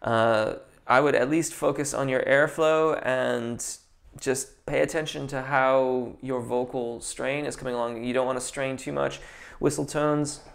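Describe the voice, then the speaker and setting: With a mid-range voice and noticeable vocal fry, a male vocal coach answers viewers in a chatty, unhurried live stream. He often says um and backs up to rephrase.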